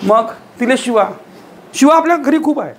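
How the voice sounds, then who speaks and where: This is a man delivering a motivational lecture to a live audience. His voice sits high, and he drives every point home with rhetorical questions and repetition. A faint hum of the room sits behind him. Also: expressive, moderate pace. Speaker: teacher giving a motivational talk.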